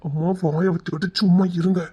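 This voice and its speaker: A woman voicing an embarrassed young groom who keeps hushing his mother. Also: fairly low pitch, fairly even intonation, fairly quick, breathy edge, voice pushed down. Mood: exasperated. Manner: exasperated, hushing.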